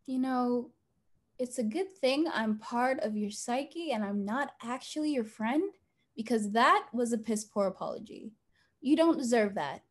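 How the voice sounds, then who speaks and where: A blunt, teasing inner voice of a young woman. She talks in a dry, knowing way in a student stage play. Her voice is a little high. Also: expressive, a little slow. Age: young adult.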